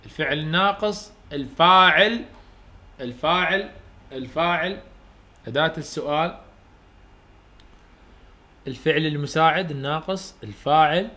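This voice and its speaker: A man with an Iraqi Arabic accent, a university English tutor giving a lecture, repeating each rule slowly so students can write it down and explaining in casual, colloquial terms. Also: a little high, sharp tone. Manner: repeats rules slowly for dictation.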